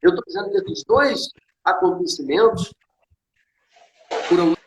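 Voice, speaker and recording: Brazilian man, preaching style, high bouncy voice, asks and answers his own questions, echoey room with faint noise. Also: animated, measured pace. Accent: Brazilian Portuguese. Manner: emphatic, asks rhetorical questions and answers them himself. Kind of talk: preaching in a conversation.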